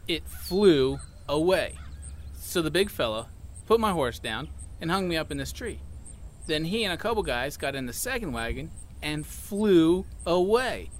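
A man's voice: a little high, sing-song, a little slow, a little hiss or hum. A man playing a bewildered cowboy in an audio drama, flustered and strained as if hanging upside down.

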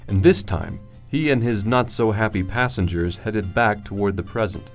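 A man playing a calm, decisive space-adventure hero and storyteller in an audio drama, measured and matter-of-fact. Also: fairly low pitch, soft background music, natural voice. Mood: storytelling. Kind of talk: scripted narration and audio drama acting.

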